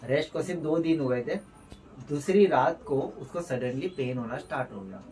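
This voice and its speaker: A man's voice: medium pitch, animated, moderate pace, a little mellow. A young man, a vlogger and new father, telling a personal story in a heartfelt, rambling way with restarts. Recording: distant mic with faint ambient noise.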